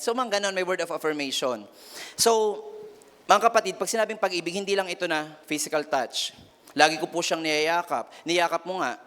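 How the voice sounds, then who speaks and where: A young man giving a lively youth sermon as pastor, switching into voices of family members as he tells stories. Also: high voice. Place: church hall. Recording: long hall reverb.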